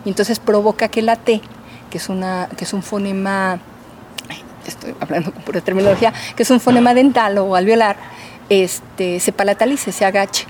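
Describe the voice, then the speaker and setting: A woman with a mid-pitched voice explains her subject like a teacher, patient and full of small fillers. A faint hiss sits under her voice. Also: fairly even intonation, normal speed, a little mellow. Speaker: linguistics professor. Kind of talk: explanatory interview answers.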